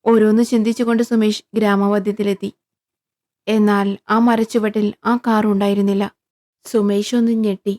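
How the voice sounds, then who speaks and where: A woman narrating a horror story in a steady, scripted reading. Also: medium pitch, normal speed.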